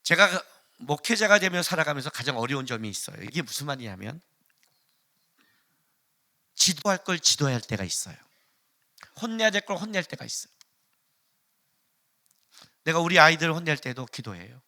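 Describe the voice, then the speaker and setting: Fairly high-pitched and sing-song, this male pastor preaches at normal speed with long pauses. He throws rhetorical questions at his congregation, alternating between forceful outbursts and quiet asides.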